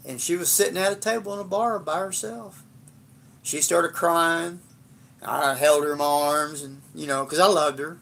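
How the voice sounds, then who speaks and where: A man's voice: fairly high pitch, bright, forceful tone. An older man, telling a rambling, blunt and profane story in a casual livestream. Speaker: livestream host.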